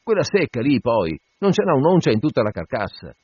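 Stubb, a man doing a loud mocking sailor. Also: medium pitch, sing-song, fairly quick, breathy edge, dry recording, pitched above the performer's own voice. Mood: mocking, jovial. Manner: loud, teasing, shouted banter. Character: brash jovial sailor mate, loud and mocking. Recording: dull lo-fi dry recording.

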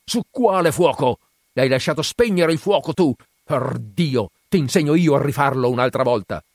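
A man voicing a drunken, bullying father who shouts at his son. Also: medium pitch, moderate pace, dry recording, clean studio sound, close to an everyday voice. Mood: furious. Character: drunken brutal father, grown man, bitter temper.

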